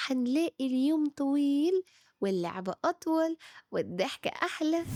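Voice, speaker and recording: A woman with an Egyptian Arabic accent telling a bedtime story to children, expressive and speaking to them directly. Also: high-pitched, no echo. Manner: warm addressing of children, expressive.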